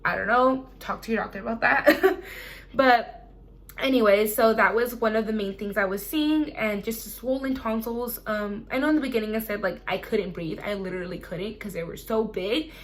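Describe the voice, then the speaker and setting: Chatty young woman vlogger, higher-pitched voice. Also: moderate pace. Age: young adult. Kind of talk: casual chat to camera, personal Q&A.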